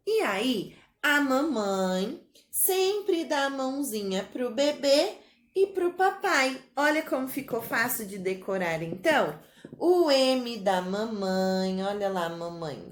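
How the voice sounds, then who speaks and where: Slow, sing-song woman teaching small children. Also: on the high side, very animated. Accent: Brazilian Portuguese. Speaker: primary school teacher. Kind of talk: children's spelling lesson. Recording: echoey room.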